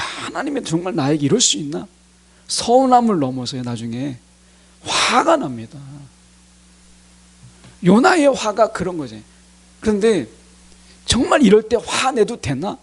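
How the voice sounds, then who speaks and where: Middle-aged man, pastor, sermon delivery; breathy voice that swoops all over the place. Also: on the high side. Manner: addresses the congregation directly, acting out complaints to God in quotes.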